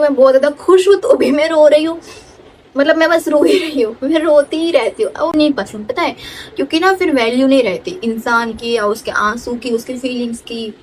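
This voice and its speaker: A woman's voice: high-pitched, slight background noise, rough recording. A young woman answering fan questions in a casual vlog, chatty, switching between Hindi and English and repeating her words.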